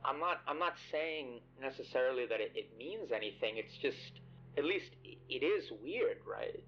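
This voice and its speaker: A man voicing a hesitant, anxious man on a call, halting and stammering, his voice bitcrushed and crunchy. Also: mid-range voice, lively intonation, dull audio, slight background noise. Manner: halting, stammering, repeats words.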